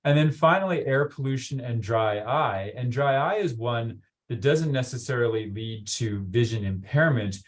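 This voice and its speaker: A man giving a conference presentation in loose, unscripted talk with frequent fillers. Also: on the low side. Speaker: conference speaker.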